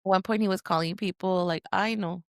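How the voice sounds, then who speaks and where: A woman's voice: mid-range voice, normal speed, vocal fry, dry recording, clean studio sound. A woman in her thirties chatting on a podcast, telling stories and acting out what people said. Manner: animated storytelling, acts out quotes. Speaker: podcast co-host. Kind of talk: casual chat.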